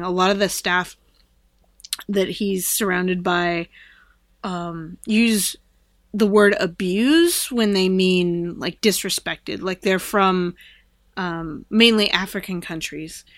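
A woman's voice: mid-range voice, no room sound, clean studio sound. A woman co-hosting a podcast, talking in a thoughtful, rambling casual way with many fillers. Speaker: podcast co-host. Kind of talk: casual chat.

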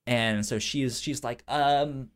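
Speaking slowly at a medium pitch, a man co-hosts a podcast in a relaxed storytelling chat, with a little hiss or hum in the audio. He stutters on the opening sounds of words and plays out conversations as he recounts them.

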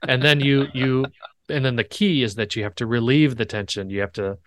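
A man's voice: mid-range voice, fairly even intonation, a little fast. A man hosting a podcast, talking things through in a thoughtful, rambling way with frequent restarts. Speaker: podcast host. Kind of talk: casual interview chat.

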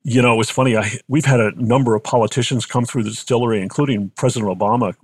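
A man's voice: medium pitch, steady tone, racing, no room sound. An older man with a Boston accent tells stories in an interview in a conversational, discursive way, repeating phrases for emphasis. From Boston, United States. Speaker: company founder being interviewed.

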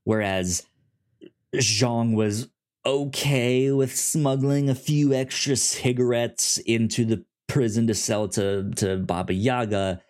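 A podcast host retells a comic book plot in loose, casual conversation, often stumbling into repeated syllables. His voice is lowish, with a somewhat dark tone.

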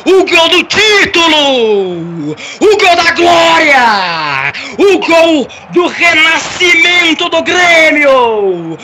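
A Brazilian man giving explosive football goal commentary, shouting drawn-out dramatic phrases. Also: very high-pitched, big pitch swings. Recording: noisy live stadium broadcast.

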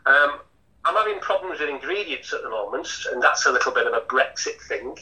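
A man's voice: mid-range voice, lively intonation, brisk, pushed and bright, distant mic, low-quality recording. A man, a hotel chef talking through an interview with many restarts. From Lancashire, England. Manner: chatty, rambling with frequent restarts.

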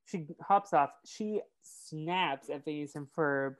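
A podcast co-host with a nasal, low-pitched voice speaks slowly, casually recapping the episode and chatting. As she tells it, she slips into quoted lines.

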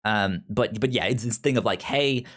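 Speaking over a remote video call, a man co-hosts a film review podcast, chatting casually and restarting his sentences with frequent stammers. His voice is lowish and a bit bright, and he talks at a moderate pace.

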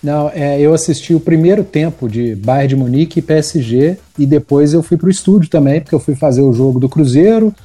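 A Brazilian man chats casually on a football panel. His tone is very dark and soft-edged, with faint music behind him. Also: on the high side, fairly quick, hardly any pauses, breathy edge. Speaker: sports radio journalist and podcast panelist.

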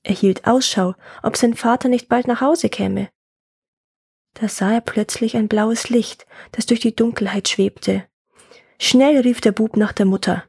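A woman reads a legend in a calm, measured storytelling voice, her tone slightly gravelly and husky. The recording is close and dry, with no room sound. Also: fairly high pitch, no echo. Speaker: storyteller and podcast host. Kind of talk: scripted fairy-tale narration.

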